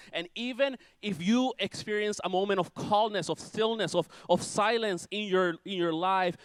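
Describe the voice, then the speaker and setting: A man preaching a sermon with dramatic swings from loud declarations down to near-whispers. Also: a little high, clear, resonant tone, no echo.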